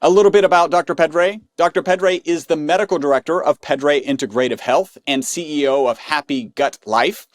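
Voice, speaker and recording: A man's voice: fairly high pitch, fairly quick, few pauses, no room sound, studio quality. A man hosting a health podcast, introducing his guest and asking questions in an upbeat, conversational way. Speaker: podcast host.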